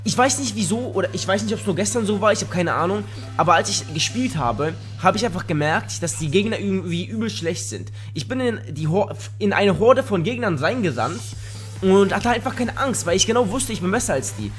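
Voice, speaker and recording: A young man rambling through live gameplay commentary, joking, having just woken up and bursting into loud shouts. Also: high voice, animated, brisk, soft background music. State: just woke up. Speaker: gaming YouTuber. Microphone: headset.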